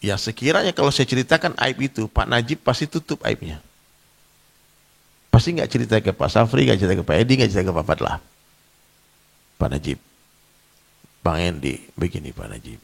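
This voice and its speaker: Animated male preacher, gravelly voice. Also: medium pitch, fast talker, in a large hall. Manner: animated, addresses listeners as Pak, acts out quoted voices; frequent throat clearing. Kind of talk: sermon. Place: mosque hall.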